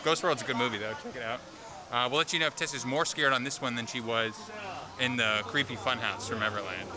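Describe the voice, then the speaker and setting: A man's voice: mid-range voice, fast, very noisy. A man hosting a travel vlog, chatting and joking as he walks around an amusement park. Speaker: vlog host. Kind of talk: casual vlog narration. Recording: outdoor vlog with loud park music.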